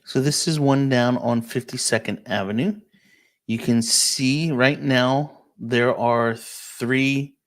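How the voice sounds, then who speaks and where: A man, a real estate agent, giving a casual live-stream walkthrough of listings and answering viewer questions, checking in often with "okay?". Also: mid-range voice. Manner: casual, explanatory, many "um" and "okay?" check-ins.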